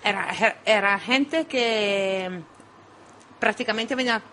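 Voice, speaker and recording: Halting woman with an Italian accent. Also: mid-range voice, sharp tone, a little hiss or hum. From Italy. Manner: halting, repeats and restarts words. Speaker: interview guest, former restaurant owner. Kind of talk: radio interview. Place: radio studio.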